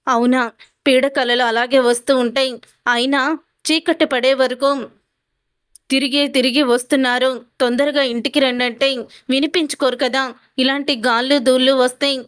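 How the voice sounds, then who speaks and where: A woman's voice: high-pitched, fairly even intonation, moderate pace, a bit bright, smooth, no room sound, studio quality. A woman narrator reading a stern scolding mother-in-law. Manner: scolding, demanding.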